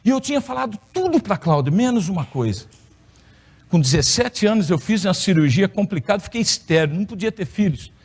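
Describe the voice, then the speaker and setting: A Brazilian man, middle-aged and with a rather high voice, preaches from the pulpit of a church. He tells a personal story with a playful, humorous touch. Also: very animated, a little fast, breathy edge. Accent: Brazilian Portuguese. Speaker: pastor. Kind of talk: sermon testimony. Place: church hall.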